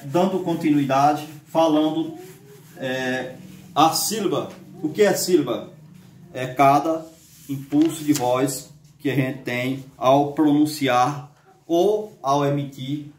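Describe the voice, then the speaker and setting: A man teaching a grammar lesson. He speaks slowly, asks the class questions and stretches words out syllable by syllable. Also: medium pitch, recorded from a distance. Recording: echoey room, voice from off mic.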